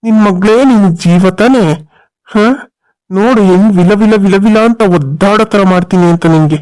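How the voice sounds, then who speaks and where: A man's voice: high voice, moderate pace, a little mellow, smooth. A man voicing the men in a cartoon drama, gloating and scheming. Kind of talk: cartoon story voice acting.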